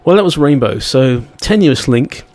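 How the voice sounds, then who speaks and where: A man's voice: mid-range voice, big pitch swings, normal speed, a little mellow. A man hosting a casual radio show from a studio, chatty and jokey, with fillers along the way.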